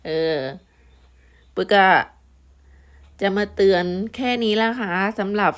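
A woman's voice: mid-range voice, fairly even intonation, slow pace. A Thai woman vlogger with an Isan accent, chatting casually to her viewers, giving friendly warnings with many fillers.

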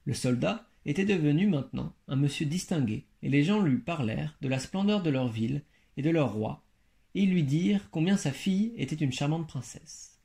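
A man reading a fairy tale aloud in a steady storytelling manner, with occasional slips. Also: on the high side, moderate pace, gravelly. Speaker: reader.

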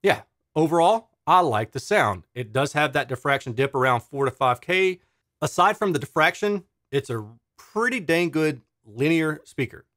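A man's voice: a little high, expressive, moderate pace, fairly bright tone, no echo, clean studio sound. A man, father of a teenager, casually reviewing a speaker in a chatty, enthusiastic way and explaining technical terms. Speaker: audio reviewer.

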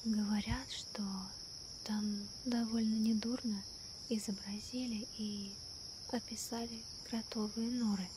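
ASMR role-play, woman as sweet girlfriend stargazing, soft slow soft voice right in your ear, crickets and night noise behind. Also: on the high side, level tone. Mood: hushed wonder. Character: gentle, wonder-struck girlfriend stargazing at night. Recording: night crickets, insects and clear ambient noise. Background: crickets and night insects.

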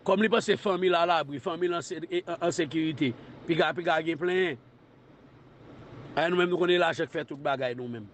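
A man with a Haitian Creole accent, making a defiant public declaration in a rhythmic, shouting delivery, from a played clip. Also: on the high side, a little fast, slight background noise. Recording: dull clip with loud crowd chanting.

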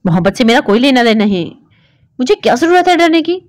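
Cold sharp young woman , voiced by a woman narrator, dry close voice in a storybook reading. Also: on the high side, big pitch swings, fairly quick, no room sound. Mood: curt. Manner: curt and sharp.

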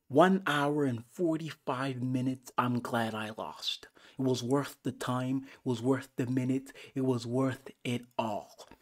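A man talks through a movie review in a casual, unscripted way, thrilled and swearing constantly. His voice sits at an everyday middle pitch, but his volume lurches from loud, excited bursts down to hushed, breathy whispers.

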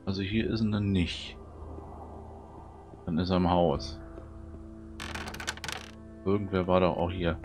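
A man's voice: deep voice, fairly even intonation, slow, pauses often, over music. A man giving casual let's play commentary, muttering to himself while searching aloud.

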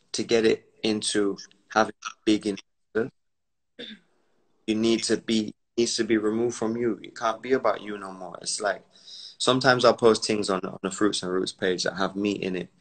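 Over a rough-sounding phone connection on a live video chat at home, a lowish-voiced man talks emphatically. He's an entrepreneur and commentator from Barbados, raised in the UK, and in this casual stream he lectures at length and mimics quoted voices.

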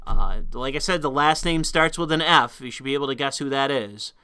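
A man's voice: medium pitch, brisk, clean tone. Profane, exasperated man ranting a film review. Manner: profane, exasperated, swings between mutters and shouted outbursts. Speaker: movie reviewer.

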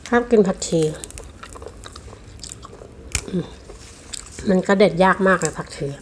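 A woman's voice: fairly low pitch, brisk, slight background noise. A woman doing a casual mukbang eating show, chatting to viewers between bites with chewing and savouring hums.

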